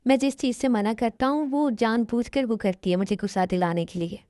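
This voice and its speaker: A woman's voice: a little high, a little fast, mellow, no room sound, studio quality, natural voice. A woman voicing a hot-tempered young husband who speaks tensely and apologetically in a fan-made dub drama. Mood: apologetic.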